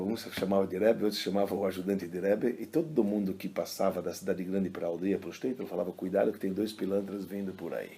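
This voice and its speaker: A man, a rabbi giving a casual religious lesson and telling stories in an animated, colloquial way. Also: sits low, a little hiss or hum. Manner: animated, colloquial storyteller, acting out quotes. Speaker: rabbi teaching a class.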